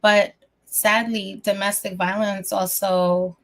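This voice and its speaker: A woman's voice: medium pitch, little pitch movement, slow pace, creaky, a bit bright. A woman hosting her own talk show as a coach, speaking casually in a rambling way with many restarts, a little out of breath. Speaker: host and life coach.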